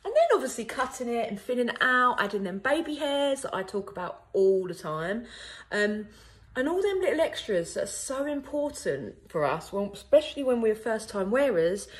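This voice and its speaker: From her salon, a thirtysomething woman who runs a wig business records a casual, cheerful how-to on a phone held at arm's length. Her fairly high voice swings widely in pitch at a normal pace, and she fills pauses with lots of ums.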